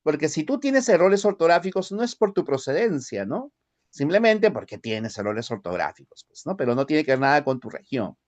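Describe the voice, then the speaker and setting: A man from the Peruvian highlands with a Lima accent, lecturing a language class and often checking in with short tag questions. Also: big pitch swings, moderate pace, muffled recording. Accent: Lima Spanish. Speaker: language teacher.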